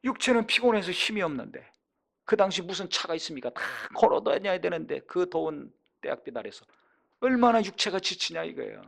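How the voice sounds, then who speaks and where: A pastor preaching a sermon, emphatic and full of rhetorical questions, his voice swinging between loud and quiet. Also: high voice, expressive, a little fast, vocal fry.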